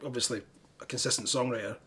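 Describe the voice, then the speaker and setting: A man with a Scottish accent speaks in a casual, conversational style. He sounds like a band member being interviewed, and his voice sits at an average pitch for a man. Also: fairly even intonation, fast talker, fairly bright tone. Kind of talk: casual chat.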